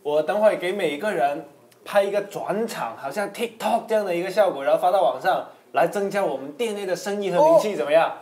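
Man playing a hyper young son in a skit, high bright voice, echoey room. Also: quick pace. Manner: loud, excitable, playful yelling. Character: excitable young son with schemes. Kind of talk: comedy skit role-play. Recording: roomy echo.

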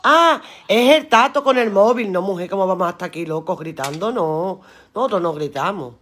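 A woman's voice: medium pitch, animated, normal speed, fairly bright tone, a little hiss or hum. Chatty, earthy woman streaming live. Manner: chatty, earthy, swears casually, laughs often. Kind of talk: casual live-stream chat reading viewer comments aloud.

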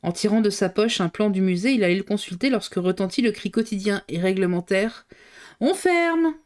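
A woman reads a classic novel aloud on a live stream. Her narration is steady and clear, in a voice of middling pitch for a woman. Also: fairly quick.

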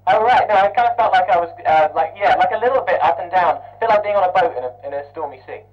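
High-voiced man over a headset intercom. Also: fast. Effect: heard over a headset intercom. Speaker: centrifuge trainee. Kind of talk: casual replies to an instructor. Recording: muffled intercom line.

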